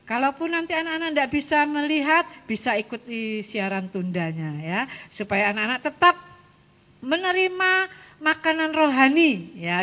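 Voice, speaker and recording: A woman gives an animated, coaxing children's sermon as a Sunday school teacher. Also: sits high. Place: church hall. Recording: church hall reverb.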